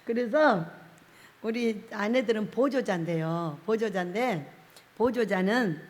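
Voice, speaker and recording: A woman's voice: mid-range voice, expressive, measured pace, a little mellow, in a large hall. A woman pastor preaching a chatty, storytelling sermon, laughing often and acting out quotes. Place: prayer-house church sanctuary.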